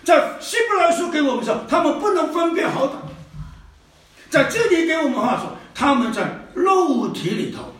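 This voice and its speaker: A very high-pitched man delivers an animated sermon full of anecdotes. His voice rings through a strongly echoing hall. He sounds as if recorded from a distance. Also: moderate pace. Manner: animated, chuckling storyteller. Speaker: preacher. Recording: echoey hall, mic far off.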